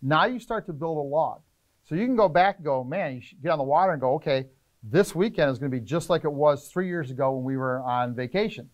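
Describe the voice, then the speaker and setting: Animated middle-aged man explaining fishing plans. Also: a little high, muffled recording. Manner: energetic, gestures a lot, lists points rapidly. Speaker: fishing charter captain, guest. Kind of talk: casual explanatory interview talk. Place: fishing tackle shop room, indoors.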